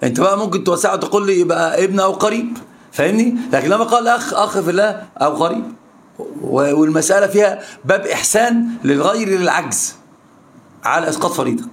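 Fast and expressive, a high-voiced Islamic scholar with an Egyptian Arabic accent leads his students in an interactive religious lesson, firing repeated questions at them.

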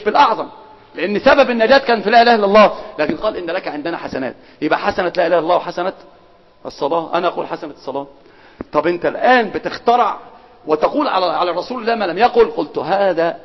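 A man with an Egyptian accent teaching a religious lesson. He quizzes his students and swings between loud and soft speech. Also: sits high. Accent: Egyptian Arabic. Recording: dull, hall with long reverb.

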